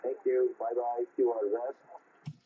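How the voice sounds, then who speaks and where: A man's voice: mid-range voice, little pitch movement, slow, husky. A man, an amateur radio operator, heard over shortwave radio as he repeats call signs in short clipped bursts. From Turkey. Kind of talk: ham radio calls in the phonetic alphabet. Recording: narrow shortwave radio with faint static.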